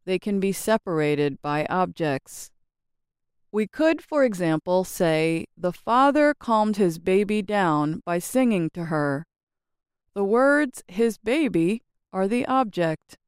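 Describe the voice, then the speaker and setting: An American woman narrating a scripted English lesson, speaking slowly, carefully and expressively. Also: mid-range voice, animated, clear, resonant tone, no echo, studio quality.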